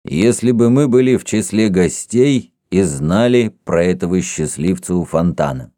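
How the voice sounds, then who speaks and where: A man's voice: low-pitched, a little slow, warm tone, no echo. A man voicing a sardonic middle-aged doctor in an audiobook reading, dry in manner.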